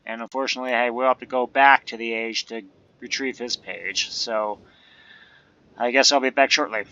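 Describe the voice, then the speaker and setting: A man's voice: medium pitch, fairly even intonation, normal speed, pushed and bright, slight background noise. A man hosting a let's play, giving casual game commentary with wry, joking asides. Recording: dull lo-fi microphone with game music. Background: video game music.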